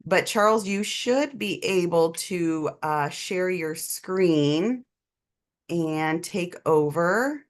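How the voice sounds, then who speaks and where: Woman, fairly low voice, webinar host, video call mic, friendly, filler-heavy. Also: lively intonation, drawn-out words. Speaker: webinar moderator. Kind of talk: introducing a speaker. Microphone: computer mic on a video call.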